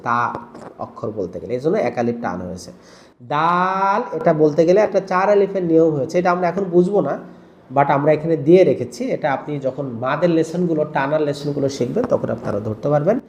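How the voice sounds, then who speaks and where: A man's voice: on the high side, a little mellow. Man teaching, echoey room. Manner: patient, repeats letters and checks in with listeners. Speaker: Quran teacher. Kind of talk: explaining Arabic letter pronunciation to viewers. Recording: roomy echo.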